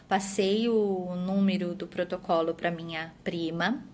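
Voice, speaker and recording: A woman telling her story as a mother in an earnest personal testimony, often tagging her phrases and trailing off softly at their ends. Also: lowish voice, fairly even intonation, a little slow, a little hiss or hum. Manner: earnest, tag questions, drops softer at phrase ends. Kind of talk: personal testimony answering questions.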